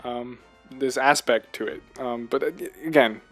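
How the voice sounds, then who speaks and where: A man with a mid-range, fairly bright voice co-hosts a casual video game podcast, speaking unhurriedly in a steady tone. He gushes with enthusiasm and rambles, jumping from one thought to the next, while soft music plays in the background.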